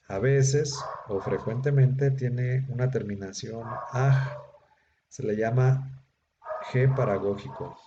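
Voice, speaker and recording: A man teaching a Hebrew grammar class, explaining patiently step by step and checking in with his students. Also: medium pitch. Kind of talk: grammar lesson. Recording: dull lo-fi recording with faint noise.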